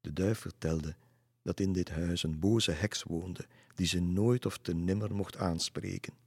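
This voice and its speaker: Slow, deep-voiced storyteller man. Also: steady tone, a little mellow, breathy edge, no room sound, clean studio sound. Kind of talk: reading a children's story aloud.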